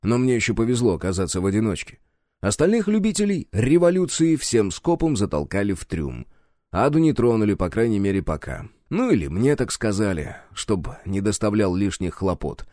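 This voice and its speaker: A man's voice: on the low side, sing-song, moderate pace, mellow, no echo, clean studio sound. A man narrating a first-person audiobook in a wry, sardonic storytelling manner.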